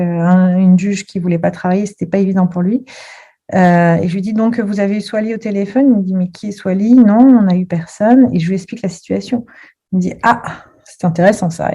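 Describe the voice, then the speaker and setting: Mellow-voiced woman recounting her story. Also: medium pitch. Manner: hesitant, many fillers and restarts. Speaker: guest. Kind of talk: personal testimony in a podcast interview.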